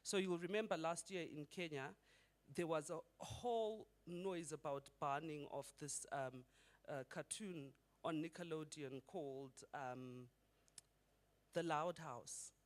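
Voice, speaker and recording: A man's voice: fairly high pitch, measured pace. Man from Zimbabwe giving a conference talk. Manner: conversational, with rhetorical questions to the audience. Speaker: conference speaker.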